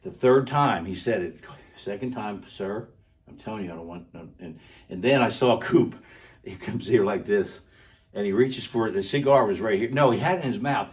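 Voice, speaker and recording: A man's voice: fairly low pitch, moderate pace, darkish tone, recorded from a distance. An older man co-hosting a show, animatedly telling a self-defense story and demonstrating moves, laughing often. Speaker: co-host, karate instructor.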